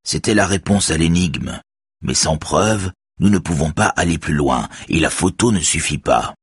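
A man plays a calm police chief in an audiobook, measured and unhurried in his orders. His voice is very deep and husky, recorded dry. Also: no room sound, full character voice.

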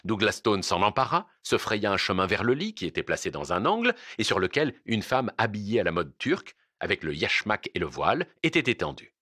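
Man reading a story aloud, deep-ish but bright voice, swoops around a lot, dry close sound. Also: sing-song, fairly quick, hardly any pauses, no echo. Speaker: narrator. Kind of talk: audiobook narration.

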